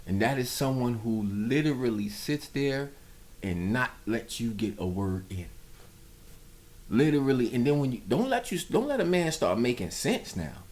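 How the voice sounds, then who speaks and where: A man's voice: medium pitch, big pitch swings, moderate pace, darkish tone. A man hosting a reaction video, giving casual commentary in an emphatic, preachy way.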